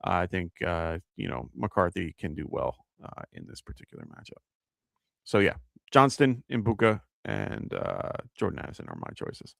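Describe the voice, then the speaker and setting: A man's voice: sits low, wildly swooping pitch, moderate pace, vocal fry, no echo, clean studio sound. A man with a New York accent hosting a live fantasy football show, talking casually and thinking aloud with lots of fillers as he answers viewer questions.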